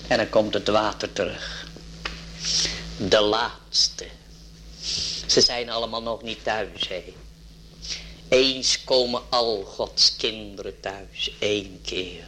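A man's voice: fairly low pitch, slow, pushed and bright, slight background noise. A man preaching an emotional sermon, drawn out and rising into fervent exclamations.

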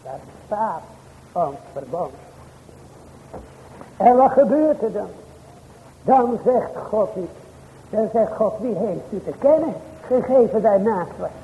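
A man preaching a sermon in old-fashioned, formal church language. He addresses his hearers directly, with sudden rises and drops in pitch and loudness. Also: animated, slow pace, long pauses, big-room sound, phone-quality sound.

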